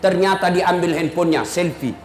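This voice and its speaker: A man delivers a lively, joking sermon to a big crowd, teasing his listeners and acting out both sides of little scenes. His voice sits high, and it carries into a roomy, echoing space with clear background noise. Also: normal speed. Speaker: preacher. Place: large public religious gathering.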